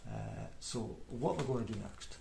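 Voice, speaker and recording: Low, gravelly man with broad Scottish accent. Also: a little slow. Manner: rambling, hesitant, self-deprecating. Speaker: beginner painter making video diary. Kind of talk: casual unscripted vlog. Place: indoor room at a table. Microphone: microphone, off camera. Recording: roomy echo, background noise, clicks.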